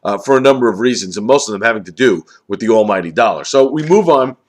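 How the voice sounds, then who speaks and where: A man's voice: lowish voice, lively intonation, fast. A man giving an opinionated football commentary, emphatic and ranting, full of rhetorical questions. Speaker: sports commentator.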